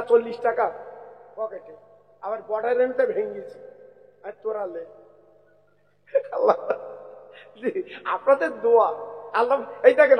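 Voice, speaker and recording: A hoarse male preacher with a West Bengal Bengali accent, delivering a sermon to a large gathering and urging them to chant. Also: very high-pitched, big-room sound, rough recording. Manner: addresses crowd directly, calls for takbir chants. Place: large outdoor religious gathering.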